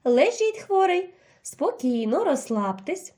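A woman's voice: very high-pitched, slow, pitched above the performer's own voice, heavily acted. A woman doing a polite, sly old hedgehog doctor. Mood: calmly sly. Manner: polite, calm, gently mocking.

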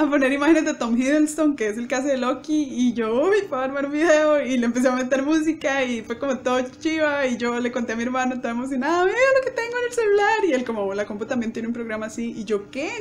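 A young woman, chatting to camera and acting out quoted lines with bursts of laughter. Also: high voice. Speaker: YouTuber. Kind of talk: casual storytelling to camera.

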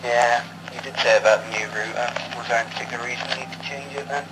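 A man chatting casually with a fellow player through in-game voice chat, answering in a relaxed, easygoing way. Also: mid-range voice, quick pace, noisy background. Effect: heard through in-game voice chat. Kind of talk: casual chat while gaming. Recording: voice chat under game music.

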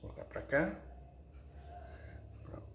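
At a measured pace, the husband of the channel host guides viewers through each cooking step in his home kitchen, speaking into an overhead camera with homely, diminutive-filled chatter. Background noise, echo and loud clattering dishes fill the recording.

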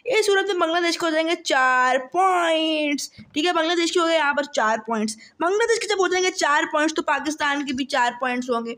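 A man, hosting a casual explainer to camera in a chatty, excitable way, thinking aloud with fillers. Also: extremely high pitch. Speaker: cricket explainer host.

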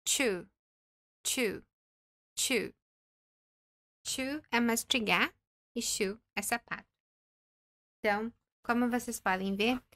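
A woman's voice: a little high, fairly bright tone, no echo, studio quality. A woman in her thirties teaching an English pronunciation lesson, carefully repeating words and checking in with "ok?". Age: 30s. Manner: slow, careful modelling of English words, frequent "ok?" check-ins.

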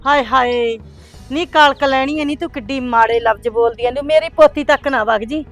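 A woman's voice: high voice, moderate pace, faint music behind. An actress playing an older grandmother who fiercely scolds someone to protect her granddaughter. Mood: scolding. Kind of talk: village drama acting.

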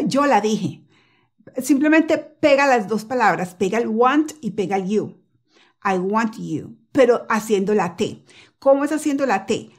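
A woman with a mid-range voice gives a casual pronunciation lesson straight to camera. She is patient and encouraging, and she slows down to repeat practice phrases again and again so the listener can copy them. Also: medium pitch. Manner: patient, repeats example phrases slowly for drilling; reassuring and encouraging. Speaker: English teacher.

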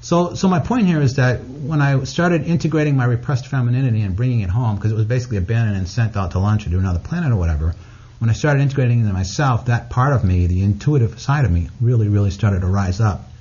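A man's voice: medium pitch, quick pace, warm tone, husky, highs cut off. A man being interviewed as an author, speaking frankly and bluntly, cursing freely. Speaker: guest author. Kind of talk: candid interview talk.

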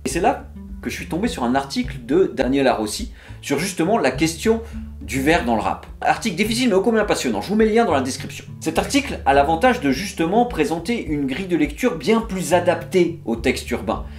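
A man's voice: a little high, brisk, soft background music. A man with a French accent giving a casual, chatty talk about poetry, full of little fillers. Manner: chatty, lively, many "bah" and "hein" fillers. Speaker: literature video host.

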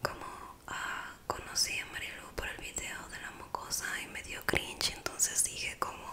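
A young adult woman doing whispered ASMR in a soft, breathy, hushed and intimate voice, close to the microphone. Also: a little slow. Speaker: ASMR video creator. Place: small bedroom, indoors. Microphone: close desk microphone.

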